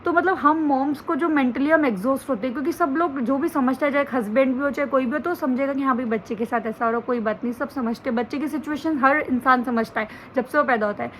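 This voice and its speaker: A woman's voice: high voice, quick pace, hardly any pauses, a little hiss or hum, poor audio. A young woman vlogging at home, venting frankly and rambling about motherhood in casual confessional chat, often keeping her voice down beside a sleeping child. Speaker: mom vlogger.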